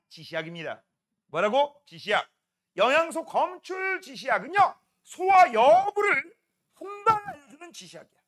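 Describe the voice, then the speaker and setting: A man's voice: very high-pitched, pushed and bright. A man teaching a science class, teasing and bantering with his students in a casual, colloquial way. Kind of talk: classroom lecture.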